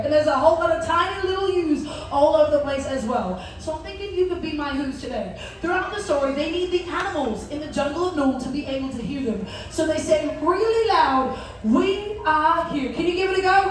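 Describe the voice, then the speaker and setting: A woman speaking as a cruise director hosting an interactive children's story time, animatedly prompting her young audience with questions. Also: sits high. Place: indoor theatre on a cruise ship. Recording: very echoey theatre, distant mic, faint noise.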